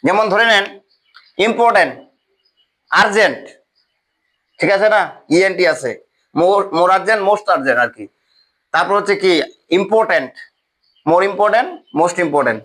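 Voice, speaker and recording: A man's voice: high-pitched, animated, slow, pauses often, pushed and bright, poor audio. A man teaching English grammar in a classroom lecture. He spells words out letter by letter and keeps checking whether the class follows.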